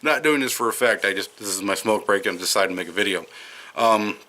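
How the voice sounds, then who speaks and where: Wisconsin guy rambling on a smoke break outside, kinda low voice but bright and forceful, lots of ums and restarts. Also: fast talker. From Madison, Wisconsin, USA. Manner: rambling, with frequent fillers and restarts. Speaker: video commentator. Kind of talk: casual unscripted monologue. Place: outdoors.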